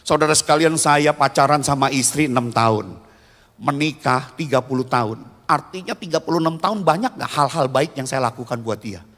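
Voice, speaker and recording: A man in his fifties preaching a sermon as a pastor, telling stories with animated swings between loud and hushed. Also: mid-range voice, fairly quick. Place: church. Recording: long reverb of a church hall.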